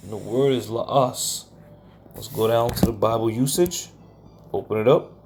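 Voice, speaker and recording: This man teaches scripture at a home Bible study, scolding his listeners, swearing a bit, and constantly checking in with "okay?" His voice is medium in pitch and a little slow, recorded against a noisy background.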